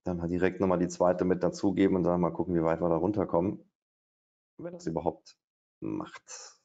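A middle-aged day trader gives live commentary from his desk, thinking aloud with hesitations and fillers. His voice is deep, dark, expressive, and brisk, captured in dull, lo-fi stream audio.

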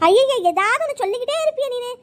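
A woman's voice: very high-pitched, animated, rapid-fire. A woman voicing a bossy older village mother-in-law in a cartoon, always scolding. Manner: scolding, domineering. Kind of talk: cartoon voice acting.

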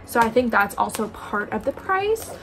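A young woman chatting casually in a storytime vlog, animated, filling her talk with "like" and quoted asides. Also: fairly high pitch, normal speed. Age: young adult. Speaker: vlogger.

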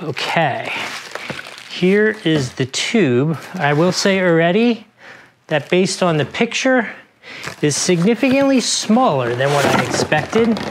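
A man's voice: on the high side, noisy background. A man doing a casual unboxing review, chatty and enthusiastic, joking at his own expense, recorded in a garage studio. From lives in Florida. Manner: enthusiastic, chatty, self-deprecating. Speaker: product reviewer. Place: outdoor garage testing studio.

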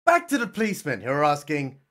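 A man's voice: a little high, wildly swooping pitch, fast talker, fairly bright tone. A young man narrating a crude, sarcastic comedic film recap. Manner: irreverent, sarcastic, crude jokes. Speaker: film reviewer.

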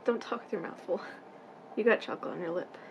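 A woman's voice: mid-range voice, quick pace, slightly rough. A woman co-hosting a casual vlog, giggly and teasing as she chats about arcade games and snacks. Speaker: vlog co-host.

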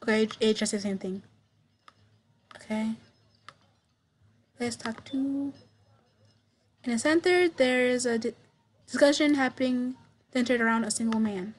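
Slow, husky-voiced young woman gamer. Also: a little high. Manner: stammering, repeats words, reads dialogue with sudden excited bursts. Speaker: gameplay streamer. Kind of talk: reading visual novel text aloud with commentary.

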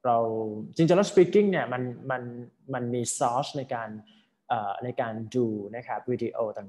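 A man's voice: mid-range voice, lively intonation, measured pace, darkish tone. A man with a Thai accent coaching a student in a speaking class. He gives friendly feedback with many fillers and polite particles.

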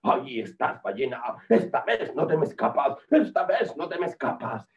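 A man playing a gruff, stubborn whale hunter in a children's puppet show, in a blustering manner. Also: on the high side, sing-song, moderate pace, a little mellow, far from the mic. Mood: fierce. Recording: dull lo-fi recording.

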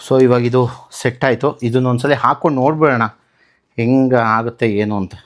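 A motovlogger and channel host from Karnataka, India, walks through a hands-on tutorial in a casual tone, asking questions and then answering them. His mid-range voice keeps a fairly even intonation and moves fairly quickly. Soft music plays in the background.

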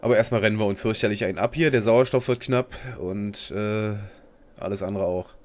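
A man's voice: fairly low pitch, fairly quick. A young man giving casual, rambling commentary as he plays a game, slangy and talking to himself. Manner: rambling and slangy, talks to himself while playing. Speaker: gaming video host. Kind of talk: casual let's play commentary.

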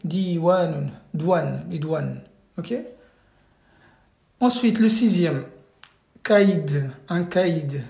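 Very slow-spoken teacher in an echoey room. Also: medium pitch, creaky, warm tone. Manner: patient, drills syllables slowly and repeatedly. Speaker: Arabic reading teacher. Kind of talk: live class correcting students.

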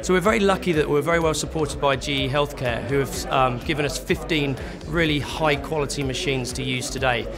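A man's voice: a little high, brisk, few pauses, a crowd in the background. A man, the course co-founder, explaining the event in an upbeat, fluent interview. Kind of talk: promotional interview. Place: indoor event venue. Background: music bed.

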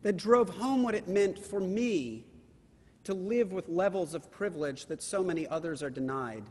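High-voiced rabbi preaching in a reverberant hall. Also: male voice, normal speed, darkish tone. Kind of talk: sermon.

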